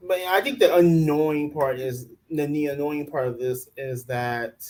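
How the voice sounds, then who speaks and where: A man's voice: fairly high pitch, measured pace, a little mellow, low-quality recording. A man in his forties co-hosting a reality-show recap, laid-back with wry jokes and lots of "like". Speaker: podcast co-host reviewing a reality show. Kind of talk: casual commentary chat.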